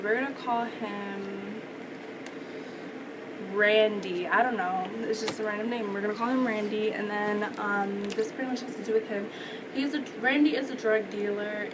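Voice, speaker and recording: American woman chatting over loud fan noise. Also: medium pitch. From United States. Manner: informal, slangy, frequent swearing. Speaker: vlogger. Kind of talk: casual storytime chat. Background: whirring electric fan.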